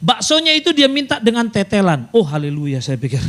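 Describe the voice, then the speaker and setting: A man's voice: high voice, very animated, brisk, fairly bright tone, a little hiss or hum. A man preaching as pastor, telling a personal story in a casual, conversational way. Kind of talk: storytelling sermon. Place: church service.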